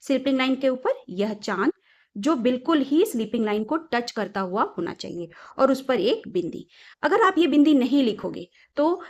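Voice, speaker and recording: Young woman teaching little kids, kinda high voice, bouncy sing-song way of talking, keeps asking and answering herself. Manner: sing-song and emphatic, asks and answers her own questions. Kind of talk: children's lesson.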